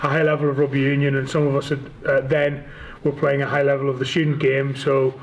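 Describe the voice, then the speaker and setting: Answering casually as an interview guest, a Northern Irish rugby league club chief executive in his forties speaks with a Northern Irish accent and hesitant, stop-start phrasing. He is a fast talker with a monotone, medium-pitched voice. The recording is of poor quality.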